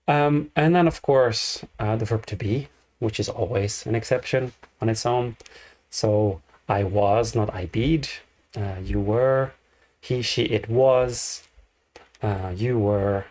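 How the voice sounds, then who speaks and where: A man teaching an English grammar lesson, explaining slowly and repeating each example. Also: lowish voice, darkish tone.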